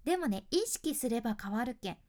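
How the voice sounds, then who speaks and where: A young woman with a Hakata dialect from Fukuoka, hosting a podcast and teaching speaking tips in a chatty, teacherly way, slowly spelling out vowel sounds as examples. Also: on the high side, sing-song, a little mellow. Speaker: podcast host and speaking coach. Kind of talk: casual spoken podcast lesson.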